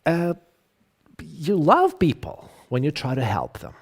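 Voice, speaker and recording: A man's voice: a little high, wildly swooping pitch, measured pace, gravelly, slightly rough. A man teaching English in a live online lecture, acting out example phrases and repeating himself.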